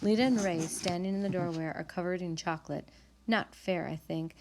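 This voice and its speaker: A woman reading a novel aloud with calm, measured storytelling. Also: lowish voice, very noisy. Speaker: audiobook reader.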